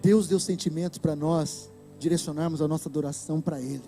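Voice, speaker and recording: High-voiced Brazilian pastor preaching. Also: male voice, steady tone, a little fast, creaky, faint music behind. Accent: Brazilian Portuguese. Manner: impassioned preaching, bursts into shouts. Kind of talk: sermon. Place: church hall.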